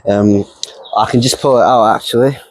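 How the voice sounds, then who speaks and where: An earnest young Nigerian man whose first language is Yoruba answers interview questions casually as a new church digital creative. He sounds eager, laughs easily and repeats phrases, with a lowish voice, fairly even intonation and moderate pace, recorded without echo.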